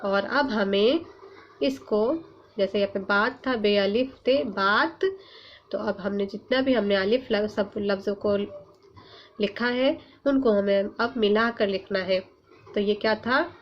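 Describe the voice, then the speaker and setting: Slow, patient woman teaching small children. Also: medium pitch. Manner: slow, drawn-out sounding of letters and words; patient, coaxing questions to children. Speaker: Urdu teacher. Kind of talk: online class for young pupils. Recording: muffled lo-fi sound, faint hum.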